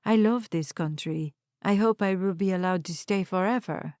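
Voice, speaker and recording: A woman's voice: medium pitch, moderate pace, a little mellow, no room sound, close to an everyday voice. A courteous woman with a Serbian accent, voiced by a woman narrator, speaking formally and carefully. It is a dry, close audiobook recording. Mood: polite. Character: polite young woman immigrant from Serbia.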